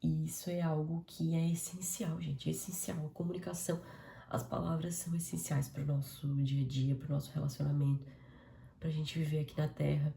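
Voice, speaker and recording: A woman giving a casual devotional talk on a live stream, talking fast and speaking straight to her listeners. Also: low voice, little pitch movement, vocal fry, echoey room. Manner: fast, warm-hearted, conversational, addresses audience as "gente".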